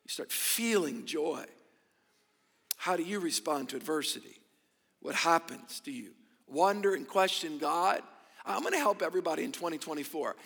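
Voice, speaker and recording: A pastor preaching a sermon into a pulpit microphone, emphatic, firing rhetorical questions and calling on the congregation to answer back. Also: male voice, on the high side, normal speed, vocal fry, a bit bright, husky. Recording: long church-hall reverb.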